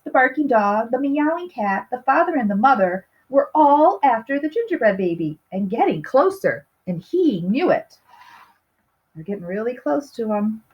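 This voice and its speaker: A woman with a voice on the high side reads a picture book aloud to young children, stretching key words expressively and asking her listeners questions. The sound is lo-fi.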